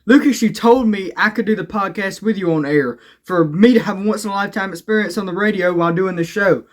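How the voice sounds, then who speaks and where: An exasperated young man in a comedy sketch, with a high-pitched voice. He complains sarcastically to his friend and sounds fed up. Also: fast.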